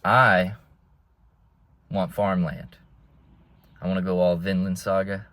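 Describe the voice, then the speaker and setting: Young dude rambling in his car, deep-ish voice, dead dry sound, keeps saying bro. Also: level tone, slow, fairly bright tone, no room sound. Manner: laid-back, drifting, calls listeners bro. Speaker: vlogger. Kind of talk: casual rambling monologue. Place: inside a car.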